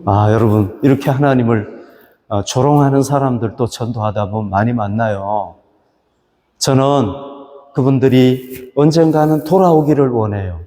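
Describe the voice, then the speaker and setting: A man's voice: medium pitch, moderate pace, mellow, in a large hall. A male pastor preaching a sermon, asking rhetorical questions and rising for emphasis. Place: church hall.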